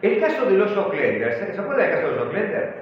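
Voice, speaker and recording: A man preaching a sermon as pastor, animated and full of rhetorical questions. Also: high voice, quick pace, heavy reverb, muffled recording, a little hiss or hum.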